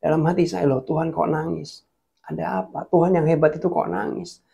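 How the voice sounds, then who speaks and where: Earnest gravelly male preacher. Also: on the high side, little pitch movement, brisk. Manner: earnest, addresses listeners as guys, drops to hushed tones. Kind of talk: sermon with personal testimony.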